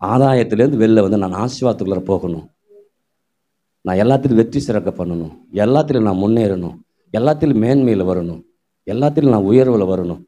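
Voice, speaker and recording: A man's voice: fairly low pitch, expressive, fairly quick, mellow. A man with a Tamil Nadu accent preaching a sermon, asking the congregation questions and calling out hallelujahs. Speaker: pastor.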